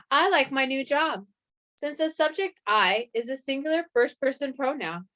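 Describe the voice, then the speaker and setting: Woman, higher voice, reads a grammar lesson in a measured, even way. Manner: reads slowly and evenly, spelling out letters. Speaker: grammar instructor. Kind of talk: scripted lesson narration.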